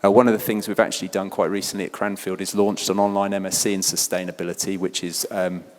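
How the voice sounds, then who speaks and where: At a conference, a male presenter reads out audience poll answers in a loose, chatty way, full of fillers and restarts. His low-pitched voice is flat and fast, trailing a long reverb tail.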